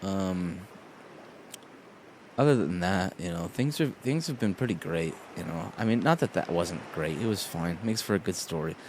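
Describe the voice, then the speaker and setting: A man's voice: low-pitched, expressive, normal speed, noisy background. A man hosting his own video channel, telling a rambling story with lots of swearing and laughing at himself. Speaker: vlog host. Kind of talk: casual storytelling monologue. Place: indoors in front of a green screen.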